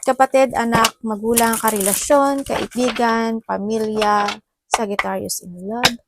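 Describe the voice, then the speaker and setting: A woman from the Philippines giving a casual tarot reading, chatty and laughing often, her voice a little hoarse. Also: a little high, fairly even intonation, measured pace, very noisy. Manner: chatty, mixes Tagalog and English, laughs often. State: slightly hoarse voice. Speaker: tarot reader.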